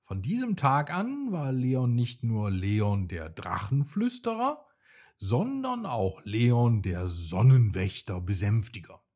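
A man narrating a children's story in a gentle, expressive reading voice. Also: mid-range voice, takes it slowly, breathy edge.

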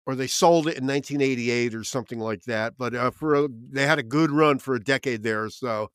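A man's voice: medium pitch, fairly quick, clean tone, dry recording, clean studio sound. New Jersey man in rambling chat. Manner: rambling storyteller, reels off long lists. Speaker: podcast co-host. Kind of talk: casual chat.

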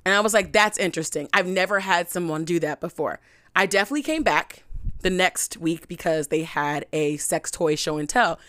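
A young woman hosting a podcast, telling a candid personal story in a frank, chatty way, full of "like" and animated swings in pitch. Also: normal speed, no room sound, clean studio sound. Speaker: podcast host.

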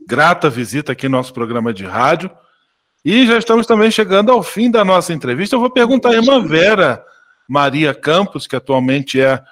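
A man hosting a radio interview, speaking clearly and repeating details for listeners. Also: fairly high pitch, fairly bright tone. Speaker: radio show host.

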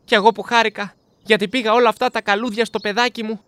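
A woman voicing a shy, honest male hare, a father, in a storybook reading, earnest and soft-spoken. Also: on the high side, fairly even intonation, no room sound, pitched above the performer's own voice, natural voice. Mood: sad. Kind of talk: storybook character voice.

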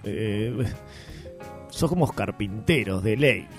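A man's voice: lowish voice, animated, takes it slowly, creaky, husky, faint music behind. A man with a Rioplatense Spanish accent, acting out a radio comedy sketch with flustered, nervous excuses.

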